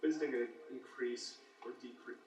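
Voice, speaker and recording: A man's voice: medium pitch, fairly even intonation, a little fast, a little mellow, recorded from a distance. A man asking a lecturer hesitant questions during class. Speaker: student. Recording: echoey classroom recorded from afar.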